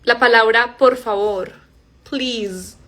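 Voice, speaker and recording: Spanish-speaking woman coaching English pronunciation. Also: medium pitch. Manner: explains in Spanish, models English words slowly and softly. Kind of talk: live online pronunciation class.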